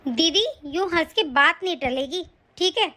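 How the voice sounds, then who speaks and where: A woman's voice: very high-pitched, animated, a little slow, sharp tone, full character voice. A woman voicing a firm young daughter-in-law. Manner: firm, lecturing, matter-of-fact. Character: pregnant, hard-working younger daughter-in-law. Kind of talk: cartoon voice acting.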